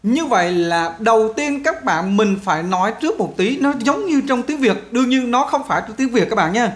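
A male English teacher, giving a pronunciation lesson and saying example words slowly, stretching the vowels. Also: extremely high pitch, animated.

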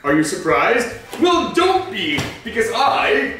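Man, high lively voice, chatty comic cooking host, home kitchen, far from mic, very echoey. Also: slow pace, soft background music. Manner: chatty, joking, explains steps as he cooks. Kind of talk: comedic cooking demonstration in costume. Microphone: far camera.

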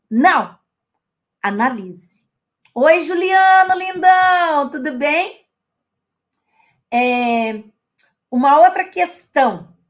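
A woman with a Brazilian Portuguese accent, a teacher of emotional intelligence, giving a casual live-stream talk. She stresses and repeats key phrases and greets viewers by name as she goes. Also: high-pitched. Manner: asks questions in her students' voices.

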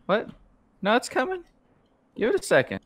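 A man co-hosting a gaming video, excitable and laughing often as he plays. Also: very high voice, normal speed, dry recording. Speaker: gaming channel co-host. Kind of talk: casual let's-play banter.

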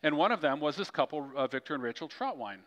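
A male pastor preaching a sermon with animated storytelling. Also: fast, dull audio. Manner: storytelling, animated swings in pitch and loudness. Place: large church hall. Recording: long church hall reverb.

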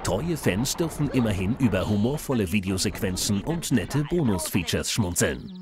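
A man's voice: fairly low pitch, big pitch swings, moderate pace. A man reading a scripted video game magazine review as the narrator.

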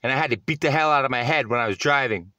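A man's voice: medium pitch, rapid-fire, sharp tone, clear, resonant tone, no room sound, dull audio. A man giving a self-recorded vlog monologue, earnest and rambling, often restarting his sentences. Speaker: vlogger.

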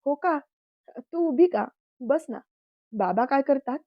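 A woman voicing a dignified uncle who speaks gravely yet kindly in a storybook reading. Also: very high voice, expressive, slow pace, no echo, highs cut off, voice pushed up, heavily acted. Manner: grave, gently warm. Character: dignified uncle, stern but kind.

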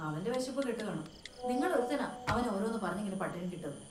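A woman's voice: medium pitch, expressive, over loud music, close to an everyday voice. A middle-aged actress playing a protective mother who defends and fusses over her son. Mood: fussing. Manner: fussing, quick. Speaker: film actress.

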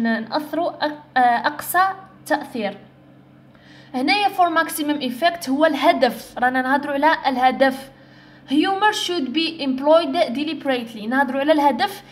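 A young woman with an Algerian Arabic accent tutors students through an English exam. Her voice sits high, and she works patiently step by step. She switches between Arabic, English and a little French, and slows down to read the English lines. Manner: explains step by step, mixing in English and French, reads English slowly. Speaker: English teacher.

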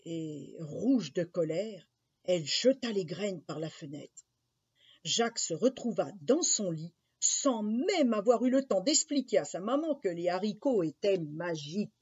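A woman narrating a children's fairy tale in an expressive, unhurried storybook style. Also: fairly low pitch, slightly rough. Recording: dull lo-fi recording.

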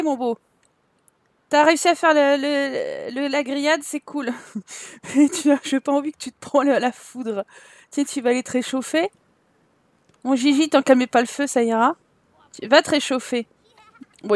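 With a high voice and no echo, a young woman gives casual let's play commentary on her YouTube gameplay. She talks to the characters on screen and giggles a lot.

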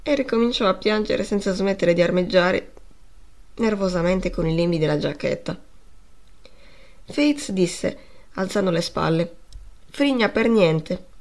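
A woman narrating a classic novel as an audiobook in a measured storytelling manner. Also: fairly low pitch, a little mellow.

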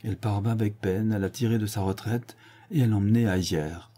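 Male audiobook reader, measured storytelling, low pitch, dark husky voice. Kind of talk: scripted literary narration.

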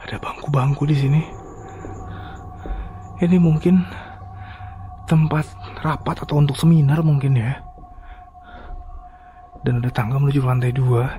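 A man with a dark, mellow voice talks casually in as he explores at night. He sounds uneasy and spooked, muttering exclamations as he goes. His mid-pitched voice sits in a slightly noisy handheld field recording. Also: fairly even intonation, a little slow, pauses often. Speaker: urban explorer vlogger. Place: abandoned resort at night, outdoors and in empty halls.

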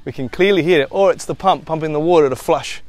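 Filmed from a few metres off, this middle-aged Australian hosts a casual camping travel vlog beside a river in a bush reserve, bloopers included. His voice is fairly high, fast and darkish, and he stays chatty and upbeat, chuckling at his own mistakes.

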